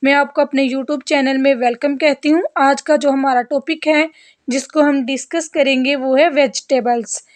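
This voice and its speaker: High-voiced woman teaching vocabulary. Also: steady tone, moderate pace. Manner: repetitive word-by-word drill. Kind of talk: scripted vocabulary lesson voice-over.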